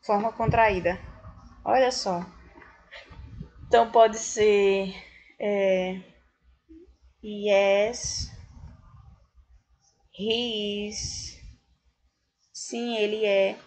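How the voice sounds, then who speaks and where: A woman's voice: mid-range voice, fairly even intonation, extremely slow, long pauses, a little mellow. A woman from Brazil with a Brazilian Portuguese accent, teaching an English grammar lesson in a patient, explanatory way, speaking directly to her students.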